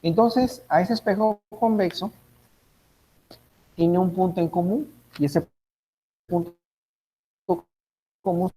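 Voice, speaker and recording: A man's voice: on the high side, dark tone, breathy edge, poor audio. A man teaching a physics class, thinking aloud, correcting himself and checking in with his students. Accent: Mexican Spanish. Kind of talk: online class lecture.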